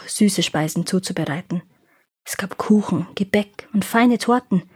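A woman hosting a podcast, reading fairy tales in calm, clear storytelling narration. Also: mid-range voice, no echo, clean studio sound. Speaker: podcast host and fairy-tale reader.

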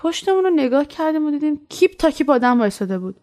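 A woman casually telling a story from her childhood, in a conversational way. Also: sits high. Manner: conversational, animated when quoting.

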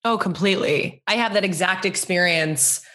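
A woman's voice: lowish voice, moderate pace, pushed and bright. A young adult woman, a guest on an interview, talking earnestly and thoughtfully about her work. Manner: earnest, thoughtful, laughs easily. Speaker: interview guest, community organizer. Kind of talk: casual interview chat.

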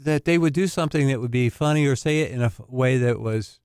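A man's voice: medium pitch, fast talker, darkish tone, smooth, dry recording, studio quality. A male counselor talking casually on a radio show, explaining and laughing easily. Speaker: family counselor, guest.

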